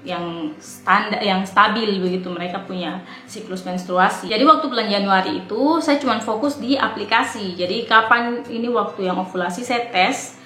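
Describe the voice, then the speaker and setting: A woman's voice: mid-range voice, bright, forceful tone. Casual vlogger woman from indonesia, late twenties, chatty and rambling, roomy echo. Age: 20s. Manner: chatty, laughs often, rambling. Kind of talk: casual chat. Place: home in the Netherlands.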